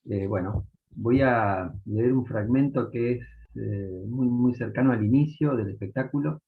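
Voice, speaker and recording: A man's voice: mid-range voice, unhurried, phone-quality sound, slight background noise. A man, a playwright, explaining his play hesitantly with fillers and then reading from it. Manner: hesitant, with many filler words. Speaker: playwright and performer.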